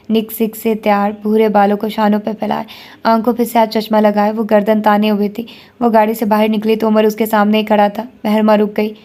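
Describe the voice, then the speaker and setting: A woman reading a romance novel aloud, narrating in a steady, even way. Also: mid-range voice.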